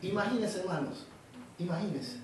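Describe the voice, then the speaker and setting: A Panamanian man preaching a sermon in an animated storytelling way, repeating words as he goes. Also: high voice, moderate pace, heavy reverb, distant mic, slight background noise, poor audio. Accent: Panamanian Spanish.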